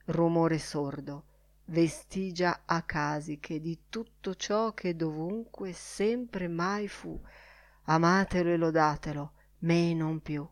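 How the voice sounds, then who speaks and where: Slow, low-voiced woman reading a novel. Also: steady tone. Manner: measured, unhurried reading with dramatic pauses. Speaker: audiobook reader. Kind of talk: literary audiobook narration.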